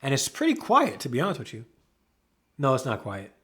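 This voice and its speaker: A man giving a casual product review, talking excitably with emphatic repeats and self-corrections. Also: medium pitch, a little fast, husky. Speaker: camera reviewer.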